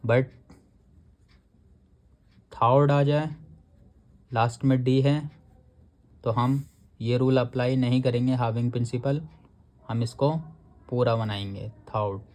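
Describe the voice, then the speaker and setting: A male shorthand teacher talks through his lesson at an unhurried, deliberate pace. His voice is dark and mellow, with an ordinary middle pitch. He explains patiently and drags out each word when he reads a rule aloud. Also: steady tone.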